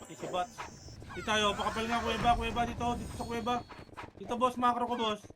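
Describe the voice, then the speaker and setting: A man leading his team in a game, calling out rapid countdowns and commands, cursing between calls. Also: extremely high pitch, little pitch movement, background noise. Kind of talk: live team callouts while gaming.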